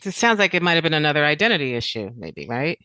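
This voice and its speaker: A woman's voice: low-pitched, very animated, quick pace, bright, forceful tone, dry recording. A woman co-hosting a podcast, asking short questions and giving brief affirming interjections. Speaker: podcast co-host. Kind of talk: casual interview.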